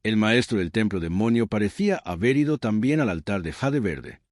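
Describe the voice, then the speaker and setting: A man narrates a scripted story recap with a low voice that rises and falls a lot. His delivery is measured and dramatic. The sound is dry and close to the mic. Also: lively intonation, darkish tone, dry recording.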